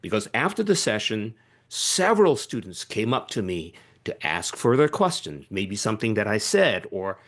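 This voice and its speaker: A man from Malaysia, giving an emphatic, animated panel talk over a video call, with frequent restarts. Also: on the low side, moderate pace. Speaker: panel speaker.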